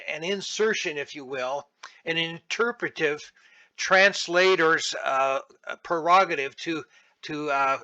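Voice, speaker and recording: Male Bible teacher, bright and slightly high, slow and deliberate, dry close-mic voice-over. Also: no echo, poor audio. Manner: deliberate, with frequent restarts and fillers. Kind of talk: explaining a sentence diagram over slides.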